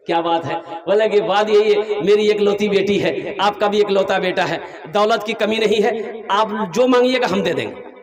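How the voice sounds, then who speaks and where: A male Islamic preacher telling a humorous story and urging his audience, switching between playful narration and impassioned exhortation. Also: sits high. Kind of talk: sermon with storytelling and sung verse. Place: religious gathering with audience. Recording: echoey live gathering, far from the mic, crowd behind.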